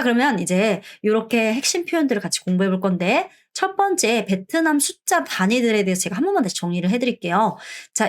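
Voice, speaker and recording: A middle-aged woman from Korea teaching an online language lesson. She explains each point, then says the words slowly and repeats them for learners. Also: on the high side.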